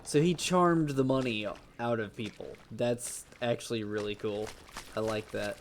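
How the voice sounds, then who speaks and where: A man streams a video game with loose, casual commentary, swearing as he plays. He reads the game's text aloud in an easy, middle-pitched voice. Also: unhurried, slight background noise.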